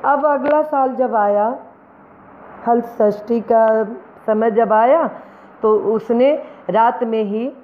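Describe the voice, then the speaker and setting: Brief: woman storyteller, high and unhurried, devotional folk tale, tinny phone-like recording.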